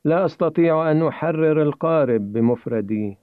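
A man voicing Samir, a bossy shouting rafter. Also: fairly high pitch, animated, dry recording, pitched above the performer's own voice, natural voice. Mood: dismayed. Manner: shouting commands over rushing water. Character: young male rafting companion, urgent and bossy. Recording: tinny phone-like dry recording.

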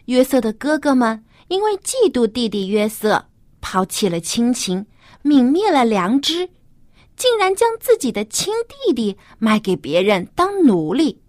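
Animated woman talking as if to a toddler. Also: on the high side, no echo. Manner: addresses small children directly with simple rhetorical questions. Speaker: host of a children's Bible story program. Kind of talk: teaching young children, as if reading to a toddler.

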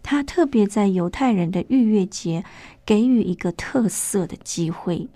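A woman reading a scripted Bible teaching in a measured, explanatory way, often posing rhetorical questions. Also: mid-range voice, animated, mellow, no echo.

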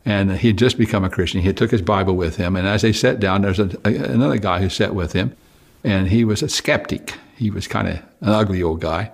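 A man delivers a storytelling sermon in a low, gravelly register with a husky edge. He chuckles often through his stories. He jumps up high and loud when he quotes the people in them. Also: brisk. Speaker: preacher.

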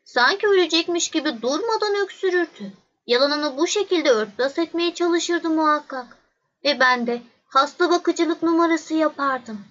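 A woman voicing the little prince, a polite and lonely young boy, speaking softly and earnestly in a storybook reading. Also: sits high, normal speed, muffled recording. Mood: sad.

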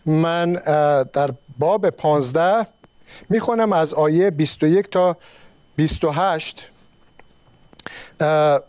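A man with a notably high voice delivers a sermon. He speaks slowly and carefully, pausing often between phrases as he explains scripture. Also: a little mellow, clean tone. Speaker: preacher.

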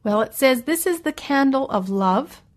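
A woman teaching English vocabulary, reading short stories aloud and patiently explaining and spelling out words, asking the listener gentle questions. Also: high voice, expressive, normal speed. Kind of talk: slow explanatory reading lesson.

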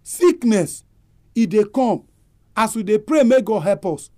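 A woman pastor with a Nigerian accent exhorts and prays in Pidgin. The voice is soft-edged and dark, with a very lively rise and fall. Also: mid-range voice, a little slow.

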